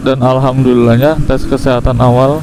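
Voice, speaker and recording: A young man telling a personal story for a motovlog in a casual, halting way. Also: medium pitch, level tone. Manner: halting, pausing mid-sentence. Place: outdoors, riding a motorcycle on the road. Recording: loud motorcycle and traffic noise outdoors. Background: motorcycle engine, passing vehicles.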